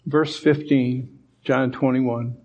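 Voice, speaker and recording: A man's voice: mid-range voice, steady tone, takes it slowly, darkish tone, highs cut off. A man preaching a sermon, reading scripture aloud and explaining it with emphasis. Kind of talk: sermon Bible teaching.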